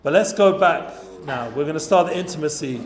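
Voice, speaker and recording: A guest speaker from North London chats casually to a youth group of students, full of fillers and asides. His voice is a little high and a little fast, with lively intonation, and the room is echoey.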